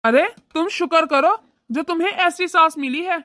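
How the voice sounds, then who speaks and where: A woman voicing a young husband in an animated family story, lecturing his wife and doting on his mother. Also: very high voice, moderate pace, no echo, clean studio sound. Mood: scolding. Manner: scolding, lecturing. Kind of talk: animated moral story voice acting.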